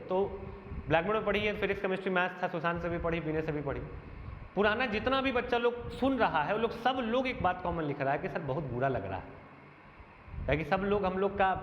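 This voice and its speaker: A man with a fairly high voice lays out his case as a teacher, earnest and aggrieved, one point after another. The sound is roomy, with a long reverb tail, muffled in tone, and a faint hiss runs underneath. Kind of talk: defending himself in a monologue. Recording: echoey dull room sound, faint noise.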